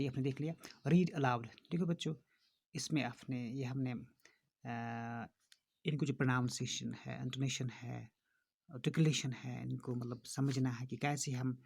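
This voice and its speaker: Middle-aged male teacher, husky voice, recorded lesson, patient and unhurried. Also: mid-range voice, darkish tone, no room sound. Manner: slow, patient explaining with frequent fillers, addressing children. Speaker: school English teacher. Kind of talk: recorded classroom lesson in Hindi and English.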